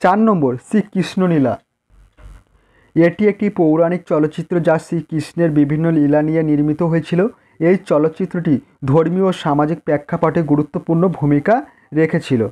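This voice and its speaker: A man with a Bengali accent teaches an exam-prep lesson, dictating answers point by point, repeating phrases and stressing key terms for students. His voice is fairly high and mellow, with a steady tone and a fairly quick pace.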